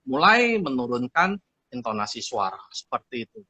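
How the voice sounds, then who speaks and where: A man from Indonesia talks as a communication expert on a live stream, his voice bright and a little husky. He speaks with lively swings in pitch and a loud, forceful push, in a dry, close recording. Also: moderate pace, no echo. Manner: animated, acts out quoted speech.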